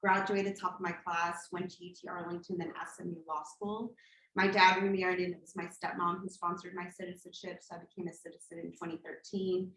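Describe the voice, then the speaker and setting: Speaking a little fast in a flat, lowish voice with a fairly bright tone, a Colombian candidate in her thirties addresses a community meeting in a church hall. Her campaign speech is earnest and full of filler words, and the hall sounds echoey.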